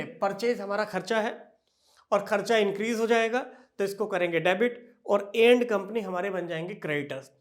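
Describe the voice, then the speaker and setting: Teaching accounting to a classroom, he speaks in a voice that sits high, treating the students with evident fondness. Questions he asks get answered by him, and entries are dictated slowly and at length.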